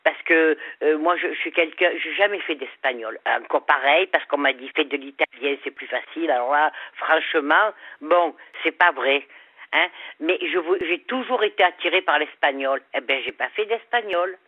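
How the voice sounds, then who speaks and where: An older woman with a Southern French accent, calling in to a radio show, halting and repeating her words. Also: low voice, no room sound. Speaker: caller. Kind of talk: radio call-in. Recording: phone line.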